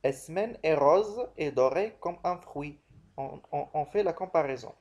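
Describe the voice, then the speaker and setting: A man's voice: fairly high pitch, animated, unhurried, a little mellow. A man teaching a literature lesson, working through questions and answers in a didactic way and repeating key phrases.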